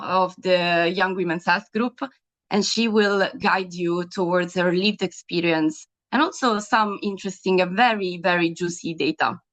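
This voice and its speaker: A woman's voice: fairly low pitch, a bit bright. Italian-accented woman hosting a webinar. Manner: hesitant, many ums and uhs. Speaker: webinar host. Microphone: video call. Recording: dull lo-fi video call audio.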